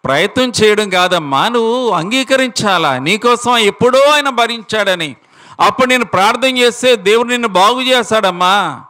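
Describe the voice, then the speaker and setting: Casting: male preacher, emphatic sermon, high and bright voice, talks straight to the crowd. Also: animated, normal speed. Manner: emphatic, repeatedly addresses listeners directly. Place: village prayer house, live-streamed service.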